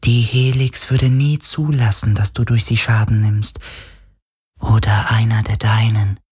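A man voicing an ancient, lonely telepathic sea spirit in a German audiobook, speaking in a breathy hushed whisper. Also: lowish voice, steady tone, a little slow, faint music behind, voice pushed up.

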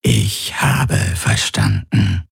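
A man voicing a sinister skeletal male alien monster who speaks in a slow, whispery voice. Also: deep voice, wildly swooping pitch, creaky, breathy edge, no room sound, clean studio sound, soft background music, full character voice. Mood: whispering.

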